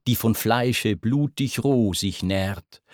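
A man reciting epic verse as narrator, with a measured, deliberate delivery. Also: lowish voice, dry recording, clean studio sound.

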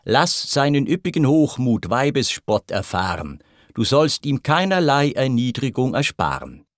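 A man's voice: mid-range voice, very animated, a little slow, no room sound, studio quality, voice pushed up. A man voicing a wrathful king of the underworld in a recited verse story, stern and commanding.

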